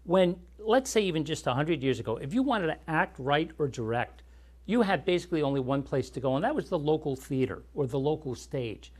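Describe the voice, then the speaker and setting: With a slightly high voice, lively intonation and a brisk pace, a man hosts a classic film program. He talks with young guests in a friendly, explanatory manner and follows up on their answers with more questions.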